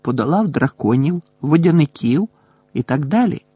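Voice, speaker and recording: A man reading a gentle, admiring schoolgirl. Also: on the high side, expressive, moderate pace, breathy edge, no room sound.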